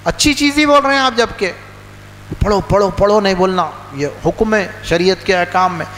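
High-voiced preacher in a reverberant hall. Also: male voice, expressive, fairly quick. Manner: emphatic, repeats phrases, swings between soft low lines and raised outbursts. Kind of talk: religious sermon. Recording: long hall reverb with faint noise.

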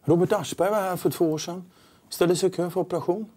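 A glib, coaxing doctor. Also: male voice, sits high, fairly even intonation, a little mellow. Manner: smooth, persuasive, coaxing.

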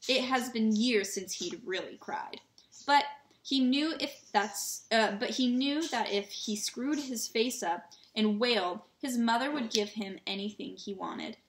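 Woman reading a kids book aloud, relaxed, a few slips, echoey room. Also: on the high side, measured pace. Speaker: reader. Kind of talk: storybook read-aloud. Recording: roomy echo.

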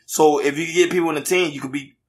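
A man's voice: a little high, fairly even intonation, fast. Motivational podcast man who keeps saying "facts". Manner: affirming, says "facts" often, motivational. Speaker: podcast co-host. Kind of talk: casual podcast chat. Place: podcast studio in Florida.

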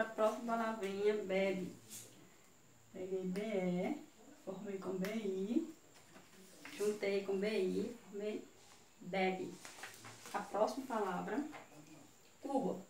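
A woman with a Brazilian Portuguese accent giving a children's video lesson, spelling out syllables slowly. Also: mid-range voice, darkish tone. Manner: slow, syllable-by-syllable teaching. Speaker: teacher. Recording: echoey room, voice from far off, faint hiss.

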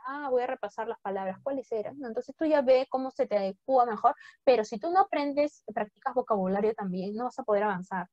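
A woman's voice: on the high side, dry recording. A woman teaching English in Spanish with a Peruvian accent, speaking to her students over a video call in a chatty, encouraging way and often tagging her sentences with rhetorical questions. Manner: chatty, encouraging, many rhetorical "right?" tags. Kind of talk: online class talk to students. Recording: dull, dry video-call audio.

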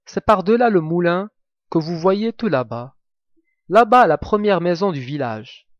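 A man's voice: high-pitched, lively intonation, moderate pace, no echo, highs cut off. A man voicing a naive, polite little girl in a read-aloud fairy tale, with a slightly lifted, earnest delivery.

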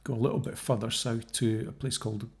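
Gravelly man, scornful screen-share talk. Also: medium pitch, steady tone, fast talker. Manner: scornful, mocking asides, thinking aloud. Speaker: video creator debunking a theory. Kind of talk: casual screen-share commentary.

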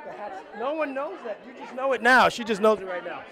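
Fast-talking upbeat male red carpet host. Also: extremely high pitch. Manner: upbeat, flattering, joking. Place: outdoor red carpet at a film festival. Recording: crowd and music outdoors.

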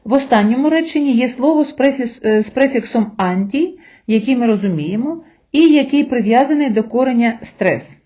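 A woman teacher talks learners through a recorded language lesson, slow and patient, pausing so they can repeat after her. Her voice sits a little high with a mellow, soft-edged tone. The recording is dull and lo-fi. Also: lively intonation. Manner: slow, patient explaining with pauses for repetition. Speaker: Spanish teacher.

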